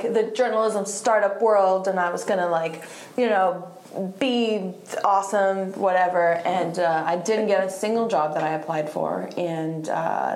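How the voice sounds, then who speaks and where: A woman of about thirty, originally from Argentina, shares her story as a podcast guest. She rambles easily, leans on "like", and drops the odd swear word. Her voice carries the roomy echo of a live bar taping. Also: medium pitch. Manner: chatty, lots of "like", swears freely. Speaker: guest musician. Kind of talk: casual storytelling interview. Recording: roomy live venue sound.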